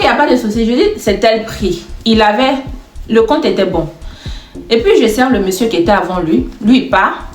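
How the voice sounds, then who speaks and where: Woman, comic storyteller, lively swings in pitch, fairly high voice, echoey room. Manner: animated, chatty, acts out dialogue. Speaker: storyteller, content creator.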